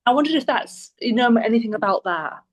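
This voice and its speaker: A woman's voice: fairly high pitch, animated, brisk. A woman taking part in an online class, politely asking a question with some hesitation. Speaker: course participant.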